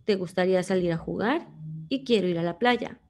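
A woman giving a friendly grammar lesson, explaining clearly and patiently and reading example sentences with expressive emphasis. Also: fairly low pitch, fairly quick. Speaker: teacher.

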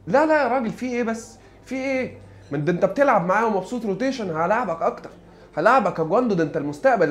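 This gaming YouTuber is a young man with a high voice and an Egyptian Arabic accent. He's joking and excitable, offering playful commentary as he plays a football manager game.

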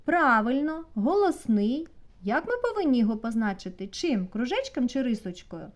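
A woman teaching a preschool class, asking the children slow, sing-song questions. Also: a little high, big pitch swings. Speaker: kindergarten teacher. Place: kindergarten classroom.

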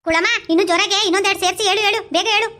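A woman acting a meddling old village grandmother in a comedy skit, with a Mandya Kannada accent and a shrill, stirring-up manner. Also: steady tone, pushed and bright. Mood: scheming. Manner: shrill, rapid, egging others on.

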